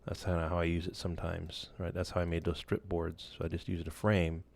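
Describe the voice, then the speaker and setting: A man walking through a software tool in a casual screen-share tutorial, loose and relaxed, with many fillers and restarts. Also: sits low, fairly quick, vocal fry. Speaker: instructor.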